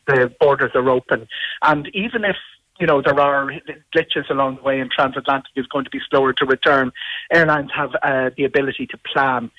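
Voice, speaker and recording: A man's voice: mid-range voice, a bit bright, breathy edge, no room sound. Male expert on a dull phone line. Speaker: aviation commentator, radio guest. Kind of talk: expert commentary in interview.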